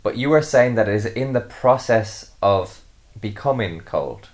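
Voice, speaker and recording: A man co-hosting a podcast for English learners. He explains phrases patiently, with many ums and pauses. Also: fairly low pitch, lively intonation. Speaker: podcast co-host. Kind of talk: casual chat explaining English usage.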